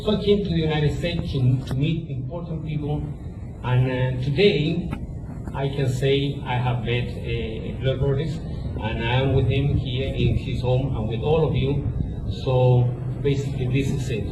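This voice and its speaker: Chilean man speaking earnestly at a loud event. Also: medium pitch, steady tone. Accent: Chilean Spanish. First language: Spanish. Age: 50s. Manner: earnest, halting, with frequent restarts. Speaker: artist presenting his book. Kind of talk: speech to an event audience. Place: historic mansion event space. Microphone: handheld microphone. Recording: distant, echoey, dull sound with loud music.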